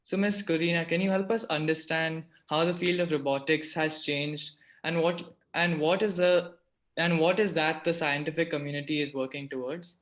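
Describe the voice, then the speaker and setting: Formal male host, fairly high-pitched. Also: steady tone, normal speed, fairly bright tone. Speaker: podcast host. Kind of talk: scripted introduction, then interview questions.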